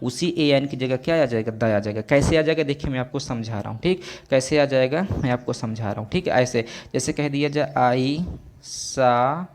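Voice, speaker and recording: A male grammar teacher, giving a classroom lecture, who keeps turning his points into questions for the viewers and slows right down to spell out example sentences. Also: medium pitch, a little hiss or hum. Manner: slow and drawn out on example sentences.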